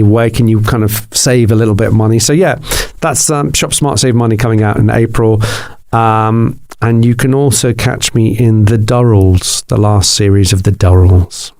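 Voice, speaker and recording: Guesting on a podcast, a TV presenter and journalist whose first language is Greek chats casually in an interview, rambling with lots of fillers and false starts. His voice is medium-pitched and a little mellow.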